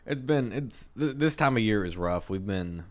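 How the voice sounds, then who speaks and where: A man's voice: on the low side, expressive, moderate pace. A man co-hosting a podcast in casual chat, rambling and slangy, often repeating his words. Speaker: podcast co-host.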